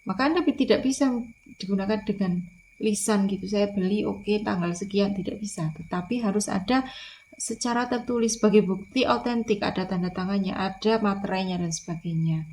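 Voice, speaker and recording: A woman's voice: mid-range voice, brisk, darkish tone, a little hiss or hum. A woman lecturer, explaining in a recorded online lecture, repeating key points with frequent fillers.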